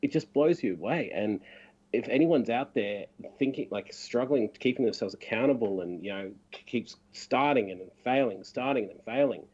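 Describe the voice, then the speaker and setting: A man's voice: medium pitch, expressive, normal speed, a little mellow, breathy edge, lo-fi sound. A man in a casual video chat, talking in an enthusiastic, encouraging way with lots of fillers. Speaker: guest.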